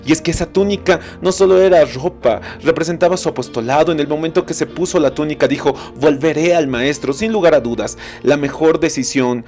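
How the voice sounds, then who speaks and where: A man preaching a recorded sermon, telling a story dramatically, slowing down for emphasis and speaking earnestly to the listener. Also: on the high side. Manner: addresses the listener directly and earnestly. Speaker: pastor. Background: soft instrumental music.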